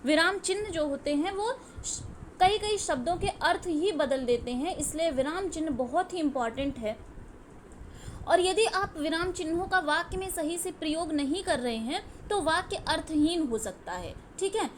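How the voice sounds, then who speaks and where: A woman's voice: very high-pitched, normal speed, slight background noise. A woman teaching a grammar lesson to exam students, explaining step by step and often checking in with "okay". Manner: explanatory, repeats "ठीक है" often.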